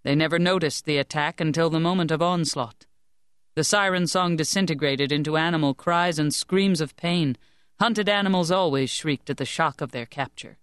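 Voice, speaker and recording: A woman narrates an audiobook in a measured, even storytelling manner. Her voice is smooth and resonant, set close to the mic in a dead, dry booth with no room sound. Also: sits low, no room sound. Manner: measured, even storytelling that lifts and sharpens for shouted lines. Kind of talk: scripted narration of a historical fantasy novel. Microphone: close studio microphone.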